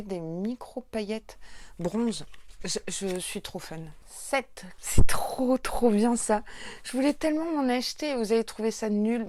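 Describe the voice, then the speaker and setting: A woman's voice: mid-range voice, darkish tone. A woman with a French accent, chatting casually through a beauty unboxing and gushing over each item. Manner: bubbly, gushing, with many fillers. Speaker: beauty youtuber.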